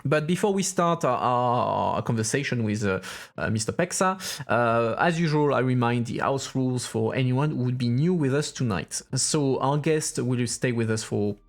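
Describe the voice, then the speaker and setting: A man's voice: medium pitch, lively intonation, moderate pace, gravelly. A man hosting an informal livestream interview, speaking hesitantly and often repeating his words as he goes. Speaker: host and interviewer of a political livestream.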